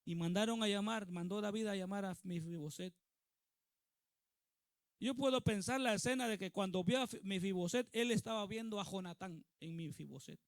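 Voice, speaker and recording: A man's voice: high voice, normal speed, no echo, studio quality. A male pastor preaching a sermon with emphasis, often putting questions to the congregation.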